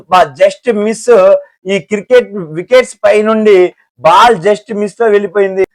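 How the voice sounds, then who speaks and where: High-voiced Telugu-accented teacher. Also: male voice, no echo. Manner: repeats each syllable, asks and answers himself. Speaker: Hindi teacher. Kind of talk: classroom lesson.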